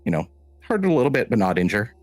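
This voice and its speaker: A man narrating a tabletop game as game master, halting and restarting as he describes scenes. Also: lowish voice, sing-song, no echo, soft background music.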